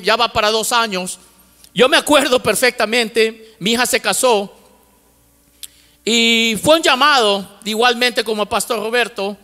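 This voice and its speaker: A middle-aged male pastor preaches fervently into a handheld mic on a large, lit church stage, his voice extremely high-pitched, bright and forceful. He repeats phrases for emphasis and, as a native English speaker, mixes in English words during this sermon. Long hall reverb from the church auditorium fills the recording.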